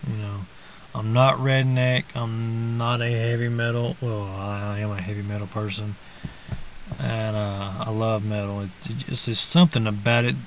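A man's voice: fairly low pitch, level tone, normal speed, slight background noise, low-quality recording. A young man vlogging from inside a parked car, rambling casually with lots of fillers and restarts, recorded on a camera held at arm's length. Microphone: phone or camera held at arm's length.

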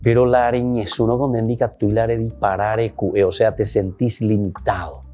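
Man, Paraguayan accent, priest, sermon, mellow tone, low voice. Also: level tone, moderate pace, soft background music. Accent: Paraguayan Spanish. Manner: mixes Spanish and Guarani, with emphatic rises. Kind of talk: sermon reflection.

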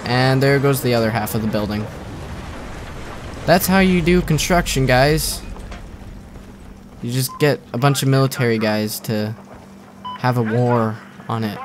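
Slow-talking young man joking over gameplay. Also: medium pitch. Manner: joking, rambling, sarcastic. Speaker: gameplay commentator. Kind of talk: casual gameplay commentary. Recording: faint gunfire and game noise behind.

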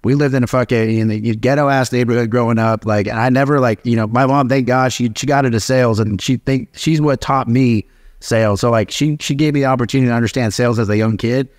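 Fast-talking, profane man host. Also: medium pitch, no echo, studio quality. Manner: animated, profane, street slang. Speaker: podcast host. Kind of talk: casual chat.

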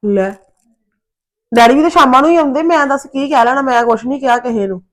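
A woman playing a young daughter-in-law in a family comedy skit, who tries to calm others and insists she said nothing. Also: on the high side, rapid-fire, natural voice. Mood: pleading. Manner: placating, pleading.

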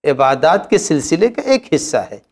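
A man's voice: a little high, big pitch swings, moderate pace. Emphatic cleric, man with a raised voice. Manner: emphatic, argues with rhetorical questions. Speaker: Islamic cleric answering questions. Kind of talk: religious Q&A answers.

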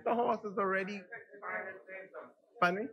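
Middle-aged Bahamian male MP, husky and pushed, folksy and heated, speaking on a desk mic in a legislative chamber. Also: fairly even intonation, moderate pace, bright, forceful tone, muffled recording. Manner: heated, folksy, rambling, swings up and down in pitch. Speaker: member of parliament. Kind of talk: impassioned parliamentary speech.

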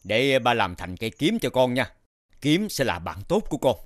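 A man voicing a kind, cheerful village husband in a cartoon, gentle and reassuring. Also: mid-range voice, sing-song, normal speed, dry recording, clean studio sound, close to an everyday voice. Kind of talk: 3D cartoon dubbing.

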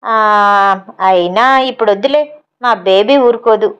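Woman doing a cocky young guy, teasing and quick to snap, highish voice, muffled audio. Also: clean tone, natural voice. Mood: teasing firm. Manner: teasing, firm. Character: confident teasing young man, quick temper.

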